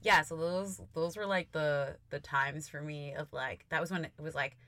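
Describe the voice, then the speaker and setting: A woman's voice: sits low, steady tone, moderate pace, a bit bright. A young adult woman hosting a casual podcast chat, recorded inside a closet. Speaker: podcast host.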